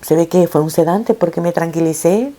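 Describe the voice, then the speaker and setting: A middle-aged woman, a mother, telling her viewers a painful personal story in an emotional, halting way, with frequent restarts. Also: on the low side, dark tone. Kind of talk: personal testimony told to viewers.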